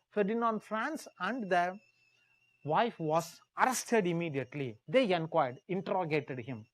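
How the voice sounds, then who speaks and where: A man with an Indian accent teaches a live history class, telling it like a dramatized story, emphatically repeating key phrases and asking the class questions. His voice sits high and is expressive, a little slow, with no echo.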